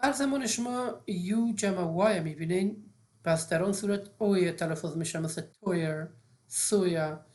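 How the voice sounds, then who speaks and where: A woman's voice: medium pitch, darkish tone. A woman, teaching an English phonics lesson step by step with frequent fillers.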